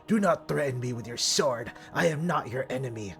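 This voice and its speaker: A man voicing a proud female oracle in solemn, formal archaic speech, raising his pitch. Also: animated, brisk, creaky, soft background music. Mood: warning. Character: proud, stern female oracle of a fantasy quest.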